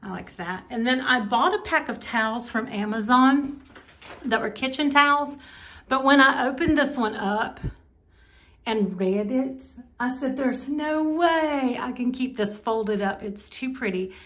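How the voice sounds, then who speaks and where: Speaking at a measured pace in a bright, high-leaning voice, a home and cleaning vlogger chats through rooms of her house such as the bedroom and bathroom. Her talk is casual and rambling, with self-corrections as she goes.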